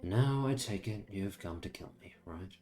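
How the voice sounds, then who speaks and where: A man reading manga aloud and voicing a calm, long-imprisoned swordsman in a low, measured, matter-of-fact way. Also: faint music behind.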